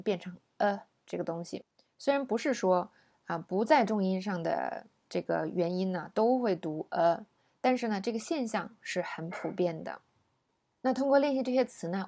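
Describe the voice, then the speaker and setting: A woman teaching English pronunciation in a patient, explanatory way, pausing often with fillers. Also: mid-range voice, vocal fry, darkish tone. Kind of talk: explanatory language lesson.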